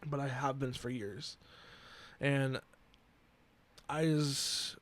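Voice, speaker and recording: A man in his twenties hosting a solo podcast, earnest and emotional, talking haltingly with many restarts. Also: medium pitch, fairly even intonation, a bit bright. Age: 20s. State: emotional, near tears. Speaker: podcast host. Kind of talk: personal solo podcast talk.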